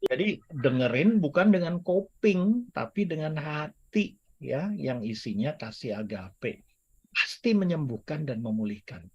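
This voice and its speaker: The recording cuts off the highs on this fairly high, husky male voice, a little slow yet animated. As a guest speaker he gives a chatty teaching sermon with jokes and English phrases, likely at church or online.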